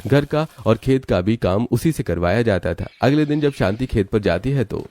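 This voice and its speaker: A man narrating a cartoon story in a steady, matter-of-fact way. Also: mid-range voice, moderate pace.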